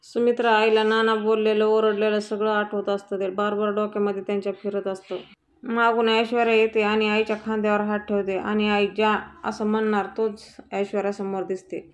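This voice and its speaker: A woman's voice: medium pitch, little pitch movement, a little fast. A woman hosting her own channel, narrating a recap of a TV serial and reading out the characters' lines in her own voice. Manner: retells scenes, reading out every character's lines in the same voice.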